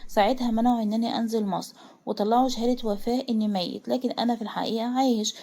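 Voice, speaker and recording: Gentle, pleading older Egyptian father, quick and mellow, in a woman's reading. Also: a little high, fairly even intonation. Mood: soothing. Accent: Egyptian Arabic. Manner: pleading, soothing, swearing earnestly. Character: remorseful older father, a tender businessman.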